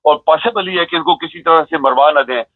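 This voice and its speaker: A man's voice: on the high side, a little fast, no echo. A man giving heated, scolding political commentary as a phone-in guest, repeating his points emphatically. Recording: tinny phone line, dry.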